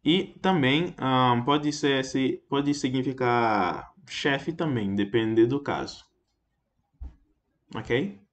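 Man, French teacher, unhurried delivery, explanatory lesson, repeats example words, frequent check-ins. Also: mid-range voice.

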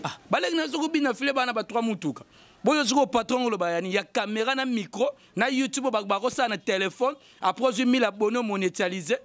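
A man's voice: very high voice, brisk, a bit bright, no room sound. A man giving emphatic commentary, repeating phrases and chanting fillers. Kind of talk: animated commentary mixing Lingala and French.

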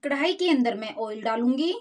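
A female cooking channel host with a higher-pitched voice narrates a recipe briskly, plainly and steadily explaining each step. The kitchen noise is clear, with sizzling and stirring in a pan.

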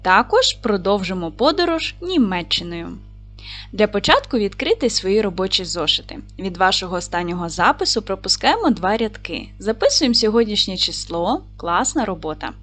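A woman teaching an online lesson to young children, speaking clearly and stretching out words as she spells them. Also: mid-range voice, sing-song, normal speed, a bit bright, soft background music. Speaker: primary school teacher.

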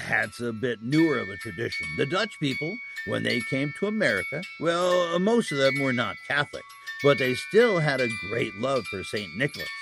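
An actor playing a kindly old Santa who is truly a saint, gently explaining like a storyteller in a family audio drama. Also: male voice, medium pitch, animated, normal speed, vocal fry, music in the background.

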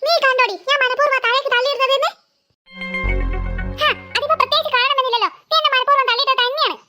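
A woman's voice: very high voice, steady tone, fast, bright, forceful tone, soft background music, heavily acted. A woman voicing two little cartoon sisters who bicker and tattle. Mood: whining. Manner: whiny, quarrelsome bickering.

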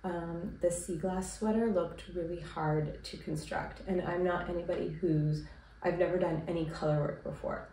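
A woman in her thirties, sick and congested, runs her knitting podcast from a small room at home, chatting to a camera positioned at a distance. Her pitch is fairly low and she talks at normal speed, loosely rambling with frequent ums and likes. The sound is roomy and distant, carrying a little hiss or hum.

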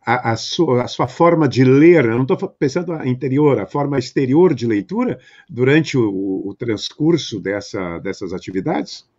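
A hesitant man interviewer whose words come in stops and restarts as he searches for phrasing. His voice is husky and breathy, with a lively rise and fall. The recording sounds dull and lo-fi. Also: medium pitch, normal speed, hardly any pauses. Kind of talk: conversational interview.

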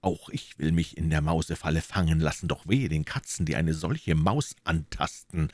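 A man's voice: on the low side, very animated, fast, a little mellow, slightly rough, dry recording, clean studio sound, pitched above the performer's own voice, full character voice. A man playing a hot-headed young swordsman. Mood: muttering grim. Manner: urgent commanding outbursts, muttering asides.

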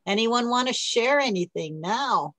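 A woman's voice: fairly high pitch, lively intonation, measured pace, a bit bright, no room sound, rough recording. A woman poet leading a writing workshop, talking casually and thinking aloud with many restarts over a video call. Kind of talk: casual teaching talk.

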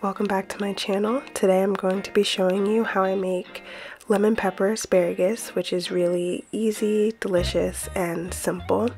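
A woman's voice: on the low side, darkish tone. A woman hosting her own cooking channel, talking through a recipe in a friendly, easygoing voice-over.

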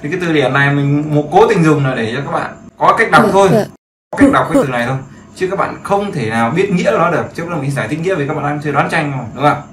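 A man teaching English to beginners over screen-share speaks fast in a fairly high, fairly bright voice. His manner is casual and chatty, full of repeated phrases and bids for agreement, and the echoey room has a faint hum of background noise.

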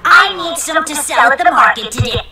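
A woman voicing a high, bossy storybook witch. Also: lively intonation, normal speed, very noisy. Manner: bossy, sharp commands. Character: stern scolding female witch. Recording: loud music behind the voice.

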